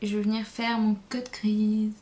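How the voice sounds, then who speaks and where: A woman's voice: mid-range voice, completely flat delivery, normal speed, loud music behind the voice. A woman vlogger chatting casually through a makeup tutorial, hesitant and thinking aloud as she goes. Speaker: beauty vlogger.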